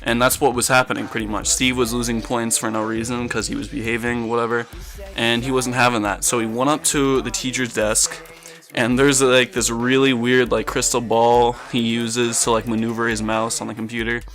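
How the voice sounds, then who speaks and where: A teenage guy recording casual commentary, telling a story in a rambling, slangy way with some mild swearing. His pitch is average for a male voice, and faint music plays behind him. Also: level tone, moderate pace, fairly bright tone. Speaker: gameplay commentary video creator.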